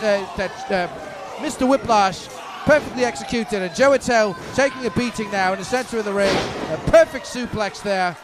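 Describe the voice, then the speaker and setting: A lucha libre announcer with a very high-pitched male voice calls the action from a broadcast table. His phrasing is dramatic and formal, like a ring showman's, over clear crowd noise. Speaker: play-by-play wrestling announcer. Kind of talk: lucha libre wrestling commentary. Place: broadcast table at a wrestling event. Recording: live event with loud crowd.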